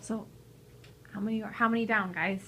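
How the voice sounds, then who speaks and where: A woman's voice: medium pitch, fairly even intonation, normal speed, pushed and bright, slight background noise. A woman chatting casually from behind the camera as she films on a phone. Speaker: camera operator. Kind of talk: casual chat. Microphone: holding the recording phone.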